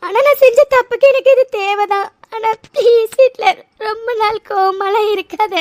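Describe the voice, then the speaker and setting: A woman's voice: very high-pitched, fairly even intonation, moderate pace, muffled recording. A woman voicing a weepy, apologetic young wife. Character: remorseful young wife, sweet and clinging. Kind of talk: tearful cartoon drama voice acting.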